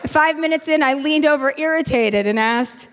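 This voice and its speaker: A woman hosting a live stage talk, blunt and self-deprecating, quick to joke. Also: sits high, big-room sound, a little hiss or hum. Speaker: host. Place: live venue with an audience.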